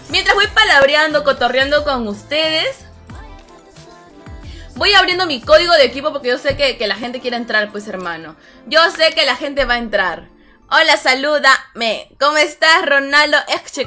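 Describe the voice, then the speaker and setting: A woman's voice: expressive, pushed and bright, faint music behind. A young woman chatting casually on a live game stream, greeting viewers by name and reading their comments, her voice a little strained. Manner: ends phrases with a low, drawn-out "hermano". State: voice strained, rough.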